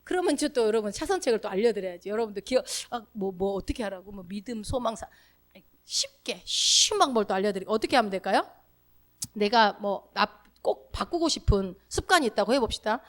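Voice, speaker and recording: A woman's voice: medium pitch, animated, fairly quick. A woman preaching a sermon in a conversational way, asking the congregation questions and acting out short spoken commands.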